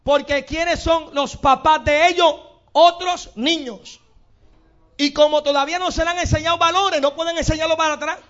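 Man, Puerto Rican accent, pastor, sermon, very high pitch, dull lo-fi recording. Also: normal speed. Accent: Puerto Rican Spanish. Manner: animated preaching with acted-out quotes and sudden shouts. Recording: dull lo-fi sound.

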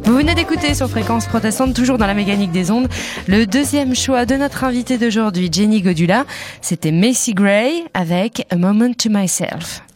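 A woman hosting a radio interview, asking questions in a measured way with occasional hesitations. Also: on the high side, animated, music in the background. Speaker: radio host.

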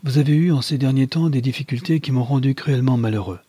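A man's voice: mid-range voice, quick pace, warm tone, slightly rough, no room sound, pitched above the performer's own voice, lightly acted. A man reading a novel aloud, voicing a distraught young husband who pleads and then cries out in anguish. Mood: pleading. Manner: pleading, rising to anguished outcries. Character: Adolphe, anguished young husband, easily wounded.

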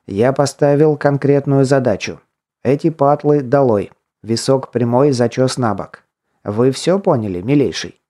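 A man's voice: medium pitch, a little slow, mellow, lightly acted. A man voicing a stern nobleman and former detective who gives curt, commanding orders in an audiobook.

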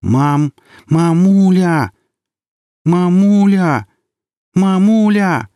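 A man voicing a bold, quick-tempered young woman in an audiobook, answering with sharp, indignant retorts. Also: on the high side, very animated, no echo, studio quality, voice pushed up. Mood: pleading.

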